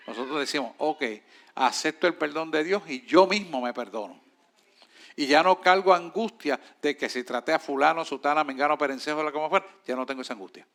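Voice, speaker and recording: Bright-voiced Puerto Rican pastor teaching. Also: male voice, fairly high pitch. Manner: emphatic, preacherly, answers questions directly. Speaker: pastor teaching a discipleship class. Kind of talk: church Bible class teaching.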